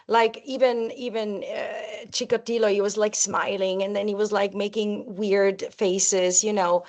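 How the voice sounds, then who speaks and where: A woman's voice: mid-range voice, little pitch movement, unhurried, a little mellow. A woman talking casually about true crime, hesitant and repeating phrases for emphasis.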